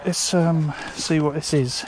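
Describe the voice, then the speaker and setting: A British man narrating his metal detecting dig in a relaxed, casual way. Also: fairly high pitch, measured pace, background noise. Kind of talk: casual narration while digging.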